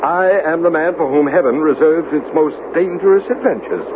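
An actor playing Don Quixote, a grandly heroic old deluded knight, in a vintage radio drama. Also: male voice, on the high side, moderate pace, lightly acted. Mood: grandiose. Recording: lo-fi phone-like band, noisy old recording.

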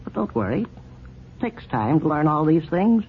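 An actor playing a pompous, fussy older male country doctor who lectures in a drawn-out way, in old radio comedy. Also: a little high, sing-song. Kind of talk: 1930s radio comedy acting. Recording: dull old radio recording with faint hiss.

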